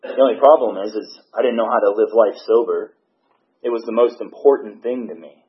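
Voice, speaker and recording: A man's voice: on the low side, a little fast. A man giving a candid personal testimony from a podium at a recovery meeting, telling his story plainly. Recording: dull, muffled recording.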